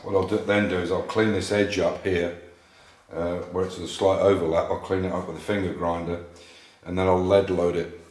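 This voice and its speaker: A man's voice: low-pitched, level tone, moderate pace, darkish tone, a little hiss or hum. A man in his sixties explaining metal fabrication steps while working on a classic car, thinking aloud with plain fillers. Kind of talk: workshop how-to narration. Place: large indoor car workshop. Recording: echoey workshop room.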